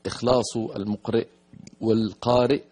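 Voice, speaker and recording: A man hosting a broadcast Quran recitation lesson, explaining pronunciation and slowly drawing out letters and words to demonstrate them. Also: mid-range voice, steady tone, darkish tone, slightly rough. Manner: slow, drawn-out demonstration of letter sounds. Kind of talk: tajweed lesson on a broadcast program.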